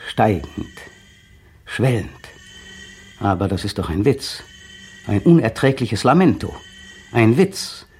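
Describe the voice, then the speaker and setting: This man's voice sits in the mid range with a darkish tone, and a faint hiss or hum runs underneath. He's an actor in a radio drama, playing a brooding man who narrates memories of a still afternoon as an inner monologue that sometimes swells to fevered intensity.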